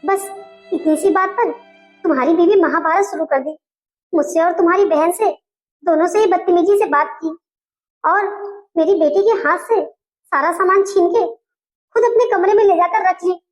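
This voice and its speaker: A bossy, scheming mother-in-law, as a woman puts her on in a family comedy skit. Her voice is very high and sharp-tongued, and she lays down the law and grumbles about being wronged. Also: normal speed, faint music behind. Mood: tearful. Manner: bossy, scolding, tearful complaining.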